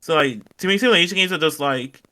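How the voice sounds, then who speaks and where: A man's voice: fairly high pitch, quick pace, pushed and bright. A young man as an interview guest, talking casually and filling his answers with "like". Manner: chatty, lots of "like" fillers. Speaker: guest streamer.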